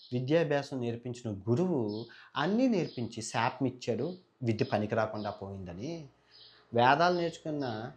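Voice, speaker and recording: A man's voice: mid-range voice, close to an everyday voice. A man voicing a proud, wronged male warrior hero in a retold epic, speaking in an indignant, lecturing way.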